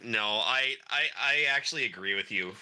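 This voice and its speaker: A man from Canada chatting casually, blunt but halting, often repeating his words as he gives opinions. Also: on the low side, pushed and bright, low-quality recording. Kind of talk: casual chat, giving opinions.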